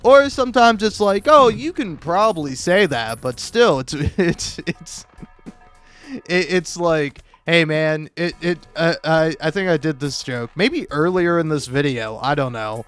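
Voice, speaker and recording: A man rambles casually on his own as a video creator over background music, his voice a little high, animated, a little slow, fairly bright, clear and resonant. He's self-deprecating and jokey, with stammered false starts and plenty of swearing.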